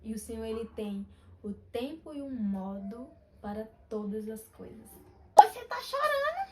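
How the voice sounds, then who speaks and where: A woman's voice: a little high, a little slow, background noise. A young woman from Brazil, vlogging and earnestly sharing a personal religious testimony with her viewers.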